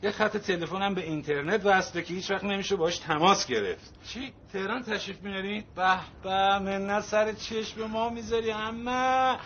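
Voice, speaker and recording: A man's voice: sits high, few pauses, fairly bright tone, muffled recording, slight background noise. An actor playing a harried middle-aged father who is effusively polite and pleading with his family. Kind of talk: comedy film acting.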